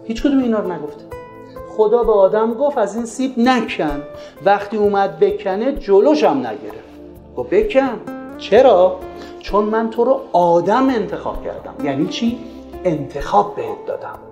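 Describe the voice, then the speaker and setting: Man lecturing, pitch jumping all over, mellow voice, roomy echo with faint music under. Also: very animated. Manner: asks many rhetorical questions. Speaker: religious parenting speaker. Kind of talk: lively lecture retelling a story.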